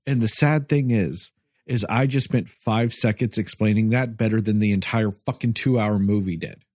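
A man's voice: fairly low pitch, normal speed, a little mellow, dry recording. A man co-hosting a movie review podcast who rants sarcastically and swears freely. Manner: sarcastic, ranting, profane. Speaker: podcast co-host. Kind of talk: casual movie review chat.

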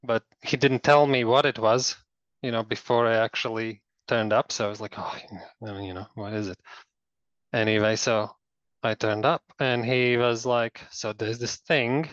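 A man's voice: medium pitch, fairly bright tone, no echo, dull audio. A man from Latvia telling a story in a casual interview, rambling with many fillers and restarts. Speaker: guest.

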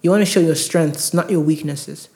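Guy talking straight into a recorder mic, emphatic, repeats himself to make a point, bit higher voice. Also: normal speed, darkish tone. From outside the US. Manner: earnest, emphatic, repeats phrases for stress. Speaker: podcast host advising premed students. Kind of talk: casual advice monologue. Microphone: handheld recorder mic.

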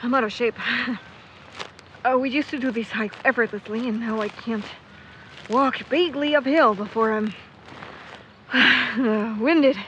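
A woman with a fairly high, slightly bright voice plays a pessimistic, sardonic young searcher in an audio drama, sounding skeptical and natural. She speaks unhurriedly with long pauses, in a winded, reflective mood. The recording is muffled, with clear background noise.

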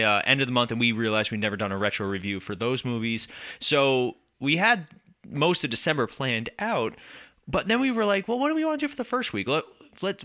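A man's voice: medium pitch, sharp tone. A man hosting a podcast in a casual, chatty style. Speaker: podcast host.

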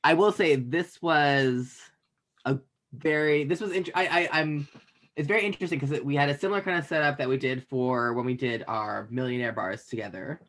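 A man's voice: medium pitch, moderate pace, a bit bright. Joking, rambling man. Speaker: podcast co-host. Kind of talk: casual chat.

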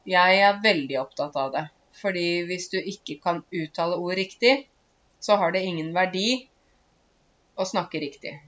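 A woman giving a casual spoken language lesson, stopping to explain words slowly with many fillers. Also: lowish voice, a bit bright, muffled recording. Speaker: Norwegian language teacher.

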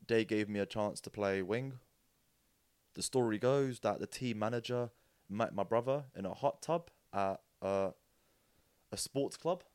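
A young man, a podcast guest telling rugby stories in a casual, animated way. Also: on the low side, measured pace, clear, resonant tone, dry recording. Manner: animated storyteller, acts out quotes with jokes and laughs. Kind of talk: casual storytelling chat.

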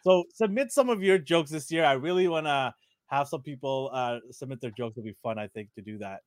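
A man's voice: medium pitch, fairly quick, no echo, studio quality. A middle-aged man co-hosting a podcast in casual chat, joking around and laughing often. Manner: jokey and animated, laughs often. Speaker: podcast co-host.

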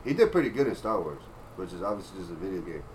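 Relaxed, chatty man on a podcast. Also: low voice, fast, vocal fry, slight background noise, poor audio. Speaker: podcast co-host. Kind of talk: casual chat.

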